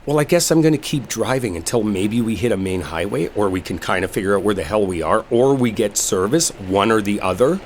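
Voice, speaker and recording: A man plays an irritated, argumentative coworker who swears and snipes sarcastically from the driver's seat in an enemies-to-lovers roleplay, his mood one of bitter exasperation. His lowish voice is fairly quick with hardly any pauses, close to how he'd normally talk. Rain and car noise run in the background.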